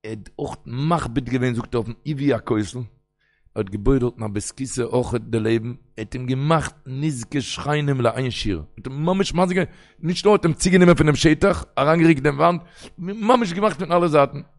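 Gravelly-voiced rabbi preaching in Yiddish. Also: male voice, medium pitch, normal speed. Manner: rambling, storytelling, quoting sources in a singsong. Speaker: rabbi giving a Torah talk. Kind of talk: Yiddish sermon on the weekly portion.

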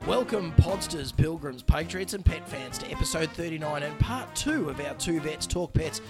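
A man's voice: fairly high pitch, lively intonation, moderate pace, music in the background. An Australian man hosting a podcast in casual chat with a jokey, matey way of talking. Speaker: podcast host, veterinarian.

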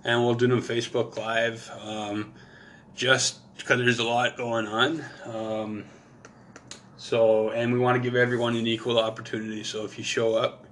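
A man's voice: mid-range voice, little pitch movement, moderate pace, fairly bright tone, slight background noise. A man co-hosting an event live stream, explaining merchandise and prizes casually, with plenty of fillers. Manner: announcing details with fillers. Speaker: event co-host.

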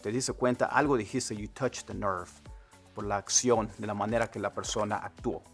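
A man, a native Spanish speaker, teaching English phrases, repeating words slowly so learners can copy them. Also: lowish voice, fairly even intonation, soft background music. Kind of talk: Spanish-language English lesson.

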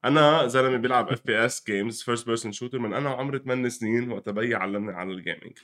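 A man's voice: medium pitch, rapid-fire, a bit bright. A young man with a Lebanese Arabic accent chatting casually about gaming, mixing in English gaming terms. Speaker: gaming commentator and guest. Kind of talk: casual conversational gaming news chat.

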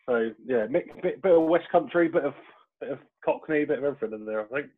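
A middle-aged man with a broad Portsmouth accent, telling his story in easygoing casual chat. He laughs easily, and his voice sits at a middle pitch. The sound comes through thin and tinny, like a phone line on a video call. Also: animated, normal speed, breathy edge. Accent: Portsmouth English. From Portsmouth, England. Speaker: podcast guest.

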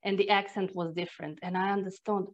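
A Croatian energy therapist, appearing as a guest, recounts personal stories in conversation in accented, non-native English. Her mid-range voice is flat and fast, though her manner stays earnest and reflective, with sighs and restarts. The recording sounds dull and lo-fi.

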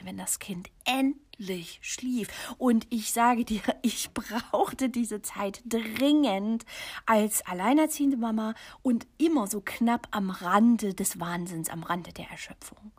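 A middle-aged woman speaks straight to the listener, her voice soft and breathy, slightly higher than most. She tells her story in a confessional tone and often sinks to almost a whisper. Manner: intimate, confessional, often dropping to a near whisper. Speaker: podcast host and coach for mothers.

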